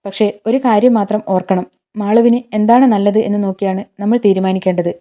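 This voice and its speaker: A woman voicing a gentle, steady husband and stepfather, speaking calmly and reassuringly. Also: medium pitch, fast talker, close to an everyday voice. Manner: calm, reassuring.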